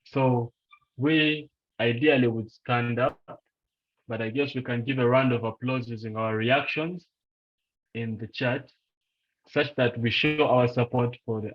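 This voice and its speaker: A man's voice: mid-range voice, steady tone, moderate pace, muffled recording. A man acting as speech evaluator, introducing a speaker in a polite, formal and encouraging way. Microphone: video call.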